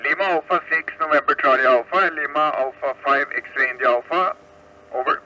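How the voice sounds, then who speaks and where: A man heard through an old crank field telephone, a radio operator loudly reading back call signs and a signal report in clipped procedure. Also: a little high, brisk, recorded from a distance, a little hiss or hum, rough recording.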